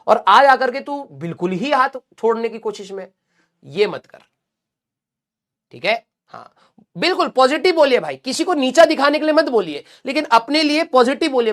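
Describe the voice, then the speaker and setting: A man teaching exam students, giving a motivational talk in a blunt, scolding yet affectionate way, often checking in with "clear?" and "theek hai", mixing in English. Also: high voice, a bit bright.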